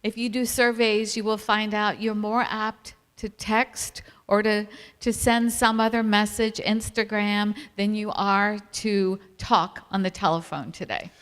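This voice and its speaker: Co-presenting a family ministry talk in a reverberant hall, a middle-aged Virginian woman shares warm stories and laughs frequently. Her medium-pitched voice is clean and a little slow, with little pitch movement.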